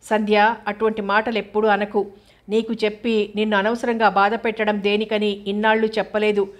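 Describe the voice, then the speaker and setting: A woman reading the part of a troubled young man in an audio novel, speaking earnestly and pleadingly in a flat, even tone. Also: medium pitch, normal speed, lightly acted. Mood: sorrowful.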